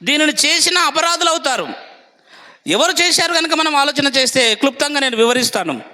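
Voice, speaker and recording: A man's voice: very high-pitched, expressive, fairly quick, sharp tone. A man preaching a sermon, with emphatic, repetitive lists.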